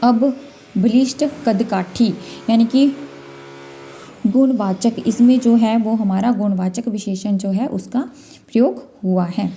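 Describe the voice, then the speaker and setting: A woman's voice: fairly high pitch, fairly even intonation, slow pace, dark tone, slight background noise. A woman teaching a Hindi exam-prep lesson, going through questions one by one, repeating key words and sounding out letters as she explains.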